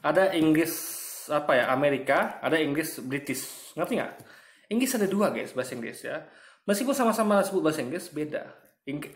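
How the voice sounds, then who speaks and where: A man giving casual reaction commentary, explaining with everyday comparisons and often calling his viewers "guys". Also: on the high side. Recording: echoey room.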